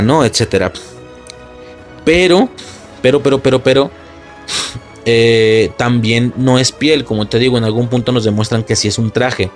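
A young adult man with a Mexican accent hosts a podcast and recaps a film in a casual, excitable monologue full of slang and swearing. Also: medium pitch. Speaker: podcast host.

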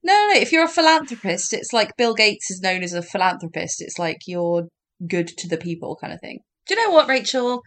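A woman co-hosting a casual podcast, excitable and quick to react, swearing and laughing. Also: medium pitch. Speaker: podcast co-host.

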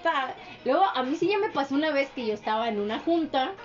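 High-voiced woman chatting. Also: lively intonation, lo-fi sound, over loud music. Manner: chatty, acts out neighbors' lines in quick voices. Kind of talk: casual chat.

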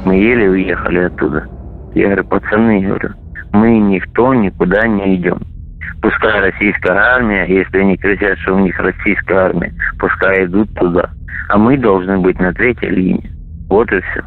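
A deep-voiced man talks as a soldier recounting events on a casual call. He sounds as if over a radio, thin and phone-like, with faint music behind him. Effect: heard over a radio or intercepted phone line. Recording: tinny phone-like intercept, music laid over.

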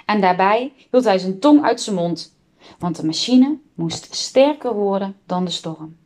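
A woman reading a children's book aloud, expressive and giving the characters their own voices. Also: medium pitch, measured pace. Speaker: reader.

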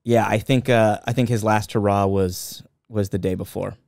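A man co-hosting a casual podcast, blunt and quick to swear, retelling things with animation. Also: on the low side, fairly even intonation, vocal fry, a little mellow, no room sound, clean studio sound. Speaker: podcast co-host. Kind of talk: casual chat.

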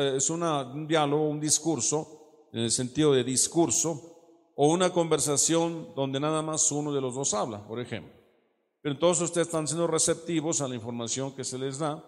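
A man preaching a Bible teaching sermon, explaining patiently, often checking with "¿verdad?" and slowing down to read verses. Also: mid-range voice, in a large hall. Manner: explanatory, frequent "¿verdad?" tag questions, slows to read verses.

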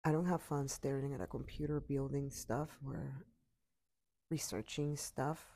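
A woman's voice: rumbling low, fairly even intonation, measured pace, creaky, dark tone. A tired woman giving an earnest, repetitive motivational talk into her computer mic.

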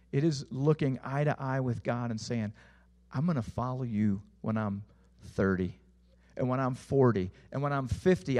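A young adult man preaching a sermon as a pastor, earnest, putting questions to the listeners and letting his voice drop low at the ends of phrases. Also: darkish tone.

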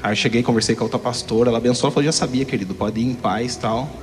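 A man's voice: medium pitch, rapid-fire. A young man telling his own testimony frankly, rambling, with frequent tag questions. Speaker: guest giving a testimony. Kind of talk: candid personal testimony. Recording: hall reverb.

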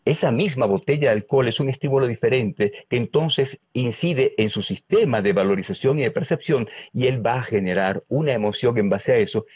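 A man with a Venezuelan accent, a guest explaining emotional intelligence in a lively way and asking many rhetorical questions. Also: medium pitch, brisk, few pauses, slightly rough, no room sound, highs cut off. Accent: Venezuelan Spanish.

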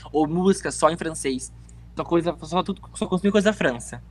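A young man, chatting casually in a lively, playful way. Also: on the high side, fairly quick. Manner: animated, playful, lots of slang fillers. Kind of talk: casual chat.

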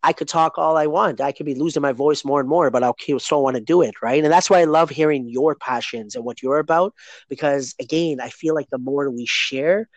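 With a slightly high voice and a somewhat fast pace, a daily podcast host rambles through casual chat, repeatedly tacking "right?" onto what he says. There's no room sound in the recording.

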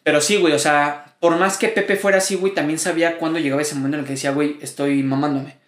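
A man's voice: a little high, steady tone, fast talker, fairly bright tone, echoey room. A man with a Mexican accent co-hosting a casual podcast chat, slangy and rambling, swearing freely. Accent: Mexican Spanish. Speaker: podcast co-host.

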